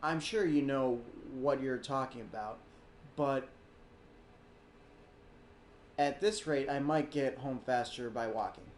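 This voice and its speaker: A man's voice: mid-range voice, measured pace, slight background noise, natural voice. A man reading as a polite young schoolgirl. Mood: dry. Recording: echoey room with guitar music.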